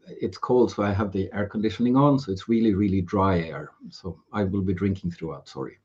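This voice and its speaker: A man from Sweden chats as a podcast guest over a video call, with a low, slightly raspy voice. He keeps things light and joking and wanders off into side stories. The audio is muffled and lo-fi. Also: a little fast, a little mellow. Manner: jovial, tangent-prone, laughs easily. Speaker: podcast guest, pharma business advisor. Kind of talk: casual video-podcast interview. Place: home room with air conditioning.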